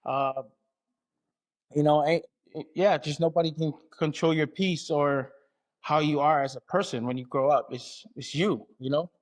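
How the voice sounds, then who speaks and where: A slightly high male voice keeps a measured pace. He is an athlete from American Samoa and Southern California, being interviewed in relaxed conversation, speaking colloquially with repeated "you know what I mean" check-ins.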